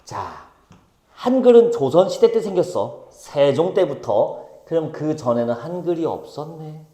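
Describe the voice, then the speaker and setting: Lively man lecturing a class. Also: a little high. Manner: brisk, teasing, calls on students by name. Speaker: high school Korean teacher. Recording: echoey classroom.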